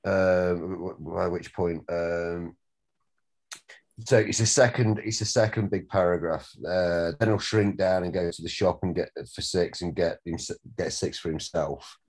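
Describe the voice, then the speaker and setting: Northern English director, very low voice, rambling casual notes. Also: male voice, steady tone, unhurried, darkish tone. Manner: rambling, repeats words, swears casually. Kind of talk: giving notes at a script read.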